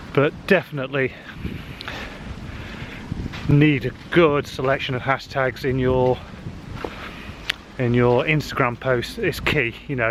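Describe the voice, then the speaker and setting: A man, chatting casually to a handheld camera while walking a wooded hill path, slightly out of breath, with frequent fillers. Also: medium pitch. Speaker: social media marketing vlogger. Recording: faint outdoor noise.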